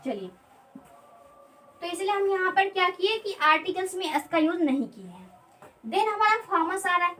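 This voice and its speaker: A woman teaching an English grammar lesson. She explains slowly, repeats key words and keeps asking quick check questions. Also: extremely high pitch, sing-song, sharp tone, recorded from a distance, poor audio.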